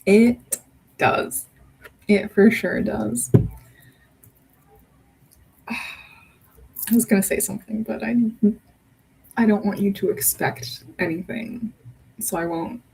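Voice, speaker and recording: A woman's voice: medium pitch, fairly even intonation, slow pace, vocal fry, long pauses, darkish tone, a little hiss or hum, rough recording. A woman hosting a casual livestream. She talks in a chatty, giggly, rambling way, often restarting her sentences. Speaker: livestream host.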